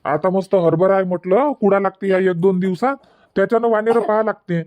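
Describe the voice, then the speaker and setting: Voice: mid-range voice, steady tone, brisk, muffled recording, close to an everyday voice. A voice actor playing an easygoing, matter-of-fact middle-aged village farmer.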